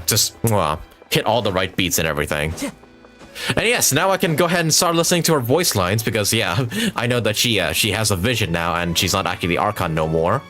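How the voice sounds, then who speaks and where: This game streamer has a lowish, pushed, bright voice. He keeps up rambling, enthusiastic commentary on his livestream, swearing casually, while game music plays behind him.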